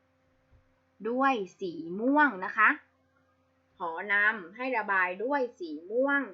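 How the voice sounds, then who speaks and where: Woman primary teacher, slow and patient, slightly dull lo-fi recording. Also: mid-range voice. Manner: patient, spells out each sound carefully. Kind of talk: slow, clear classroom reading lesson.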